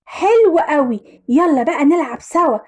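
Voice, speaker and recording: A woman's voice: high voice, lively intonation, moderate pace, a little mellow. A woman with an Egyptian accent voicing a casual boy, a gamer friend on the phone.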